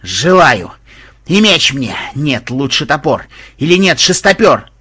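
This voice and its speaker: A husky-voiced man voicing a hot-headed, stubborn male warrior who yells and blusters. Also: fairly high pitch, sing-song, a little slow, exaggerated voice. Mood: belligerent. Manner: yelling in bursts, blustering.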